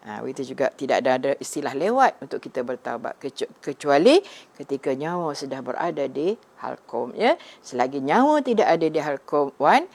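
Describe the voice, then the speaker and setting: A middle-aged woman religious teacher giving a gentle, conversational live online talk, often addressing her listeners directly. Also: rumbling low, sing-song, a little fast, vocal fry.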